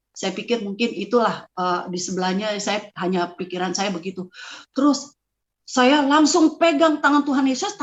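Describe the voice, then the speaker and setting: A woman's voice: medium pitch, fairly bright tone. A middle-aged woman giving a personal testimony, telling her story with strong feeling, her voice at times rising and breaking. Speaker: testimony speaker. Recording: slightly dull lo-fi sound.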